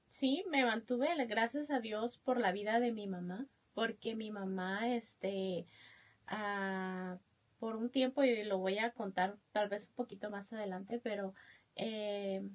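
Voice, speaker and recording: Guatemalan woman guest, unhurried, soft, hesitant speaker. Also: mid-range voice. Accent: Guatemalan Spanish. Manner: soft-spoken, hesitant with many fillers. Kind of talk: testimony interview.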